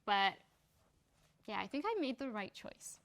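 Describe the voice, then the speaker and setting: A woman's voice: fairly high pitch, big pitch swings, measured pace, a bit bright, a little hiss or hum. Young woman in a casual interview. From Somalia. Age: young adult. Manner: chatty and unpolished, heavy on filler words. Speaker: interviewee in a community profile.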